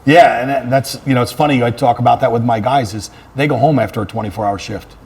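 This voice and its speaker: A man speaking as a fire chief in an interview talks quickly in a husky, mid-range voice with a darkish tone. He describes his work earnestly and conversationally, repeating phrases for emphasis.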